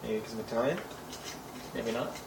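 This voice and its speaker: A man's voice: medium pitch, fairly even intonation, moderate pace, vocal fry. A young man hosting a home cooking tutorial, chatty and offhand with wry asides. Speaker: cooking show host. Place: home kitchen. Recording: echoey kitchen, distant camera mic, noisy. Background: clattering pots and cutlery.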